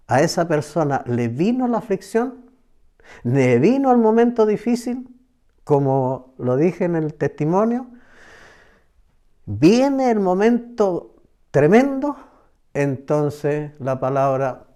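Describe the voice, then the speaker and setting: A man teaching a Bible passage verse by verse, slow and emphatic, often repeating words for stress. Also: fairly high pitch, big pitch swings, mellow. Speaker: preacher.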